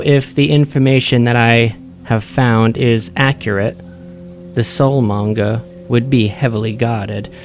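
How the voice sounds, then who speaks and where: A man's voice: medium pitch, lightly acted. A man voicing a composed, haughty sorceress in a tabletop game, speaking formally. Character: composed, proud sorceress woman.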